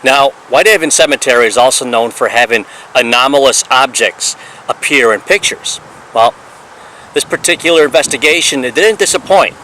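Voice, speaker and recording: A man narrates his ghost-hunting findings in an earnest, explanatory voice-over. His tone is bright and forceful at a middling pitch. A faint hiss of noise sits under the recording. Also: normal speed, poor audio. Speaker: paranormal investigator.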